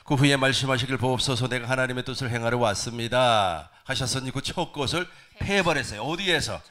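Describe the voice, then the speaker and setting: A male pastor preaching a sermon to his congregation, animated, asking them questions. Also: medium pitch, fairly quick. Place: church sanctuary.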